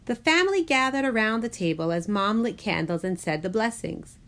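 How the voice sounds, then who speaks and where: In a mid-range voice, a woman reads from a children's picture book, shaping the story expressively and at a deliberate pace.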